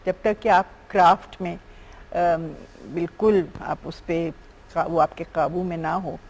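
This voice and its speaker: A woman's voice: lowish voice, steady tone, slight background noise, low-quality recording. A woman in her seventies with a Pakistani Urdu accent, a guest speaking thoughtfully and measuredly about teaching art. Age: 70s. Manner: thoughtful, measured, with soft fillers. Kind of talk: TV talk show interview.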